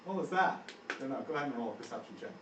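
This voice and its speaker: Animated man running a tabletop game. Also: mid-range voice, racing, a little hiss or hum. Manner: animated, laughing storyteller. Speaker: game master. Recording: echoey room from far off.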